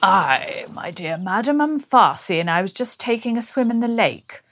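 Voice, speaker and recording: A woman's voice: mid-range voice, expressive, moderate pace, a bit bright. A woman voicing a brawny, swaggering man with a bold, theatrical delivery.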